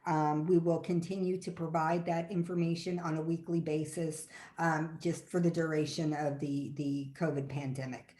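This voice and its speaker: A woman walks colleagues through data in an informal webinar style. Her voice sits a little low, and the room adds a clear echo around it. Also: little pitch movement, moderate pace, hardly any pauses, warm tone. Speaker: epidemiology staff presenter and moderator. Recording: echoey room sound.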